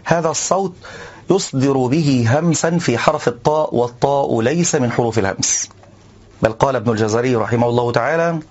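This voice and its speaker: A man of ordinary pitch gives a calm recitation lesson, breaking off to demonstrate sounds slowly and carefully. The recording is somewhat dull and lo-fi. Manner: explains calmly, then recites slowly, stretching words. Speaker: Quran recitation teacher. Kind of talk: instructional lesson with slow recited examples.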